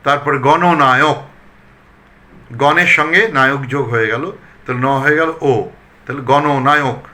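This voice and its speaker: A man from Bangladesh, a recitation trainer, giving a pronunciation lesson and repeating example words slowly and deliberately. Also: fairly high pitch, fairly even intonation, bright, forceful tone.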